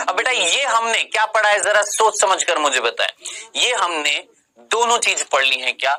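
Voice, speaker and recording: A male biology teacher lecturing his students, with a bright, ringing voice whose pitch leaps up and down. He fires questions at the class and answers them himself. He repeats key terms and sometimes drops the answer to a whisper.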